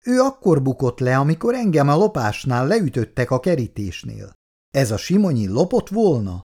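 A gruff, proud old factory worker bristles and grumbles, read by a man. His pitch swings widely. It is a storybook reading. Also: big pitch swings, mellow. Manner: gruff and indignant. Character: elderly male factory worker, proud and stubborn. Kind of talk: reading a novel aloud.

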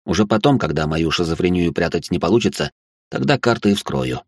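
A man reads a first-person novel in a wry, conversational tone. His voice is low and husky, recorded dry and close with no room sound. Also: expressive, fairly quick, no room sound. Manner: wry, conversational inner monologue. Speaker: audiobook narrator.

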